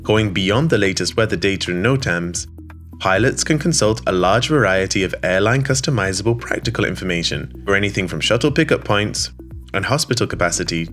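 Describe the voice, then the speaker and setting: Low-ish guy doing smooth corporate voice-over, quiet music under it. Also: animated, fairly quick. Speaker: voice-over narrator. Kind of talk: scripted corporate narration. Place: studio voice-over. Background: soft background music.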